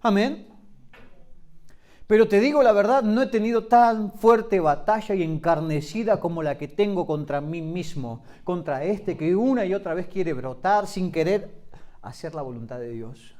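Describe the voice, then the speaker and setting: A man, preaching a sermon as pastor, swinging from loud emphatic lines to soft low asides. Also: normal speed.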